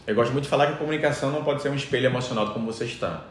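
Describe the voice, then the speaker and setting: Male podcast guest, rapid emphatic explainer, average pitch, roomy echo with faint ambience. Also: a little hiss or hum. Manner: emphatic, uses conversational fillers. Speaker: podcast guest, business speaker. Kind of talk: explanatory conversational talk.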